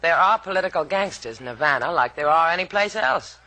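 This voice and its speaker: An actress playing a cool, sardonic young woman at sea, husky and quick in a 1950s radio drama. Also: sits low, lively intonation, pushed and bright, poor audio. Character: young woman sidekick, cool but worried.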